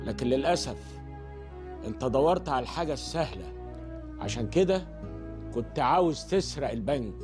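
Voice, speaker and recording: An actor playing an Egyptian family elder lecturing a young man, measured and disappointed. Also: mid-range voice, expressive, music in the background, close to an everyday voice.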